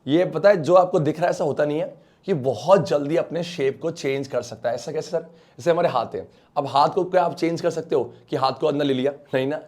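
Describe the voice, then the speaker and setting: An Indian male teacher giving an online science lecture. He coaxes his students along with quick questions, then answers them himself. His delivery keeps slipping English technical terms into his speech. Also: on the high side, a little mellow. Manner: coaxing, calls students beta and bachcha, mixes English terms.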